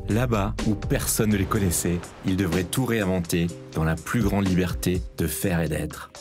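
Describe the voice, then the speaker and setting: A man reading a calm documentary voice-over narration. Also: low voice, moderate pace, over music.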